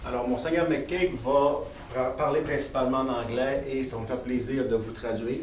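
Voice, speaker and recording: A man's voice: mid-range voice, fairly even intonation, moderate pace. A man with a Québécois French accent interpreting live and informally, with stops and self-corrections. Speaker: chaplain interpreting for a speaker. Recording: distant mic in echoey room, faint noise.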